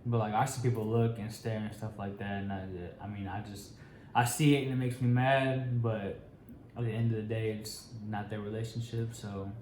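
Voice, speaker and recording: An American man in his twenties co-hosts a couple's Q&A, chatting casually in an informal, slangy way. His voice is on the low side and a little mellow, with flat delivery at a normal speed. The room has a noticeable echo and faint background noise.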